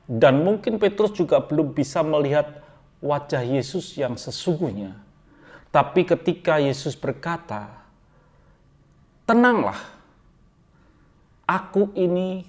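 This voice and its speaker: A man with an Indonesian accent, a pastor giving a short daily devotional sermon, measured and full of pauses, repeating key phrases. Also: mid-range voice, darkish tone.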